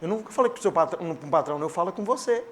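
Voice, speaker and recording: A man preaching a sermon in a church with a Brazilian Portuguese accent, swinging between loud declarations and hushed asides. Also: sits high, expressive, rapid-fire, slight background noise. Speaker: pastor.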